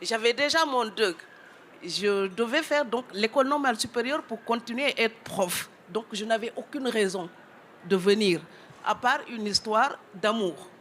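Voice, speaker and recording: A woman's voice: a little high, moderate pace, fairly bright tone. Firm woman from Senegal, faint noise. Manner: firm and assertive. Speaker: panel guest. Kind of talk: panel discussion.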